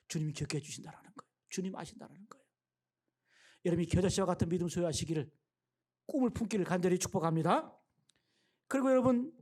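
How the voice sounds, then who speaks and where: A middle-aged man preaching a sermon as a pastor in a church, emphatic, questioning the congregation and rising, then dropping low. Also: a little mellow. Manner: voices prayers and quoted speech. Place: church sanctuary.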